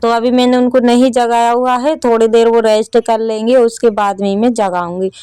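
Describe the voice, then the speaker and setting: Chatty Indian woman vlogger, smooth voice. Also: a little high, flat delivery, moderate pace, mellow, dry recording. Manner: chatty, addresses viewers as friends. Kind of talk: casual vlog narration. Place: rural home with farmyard.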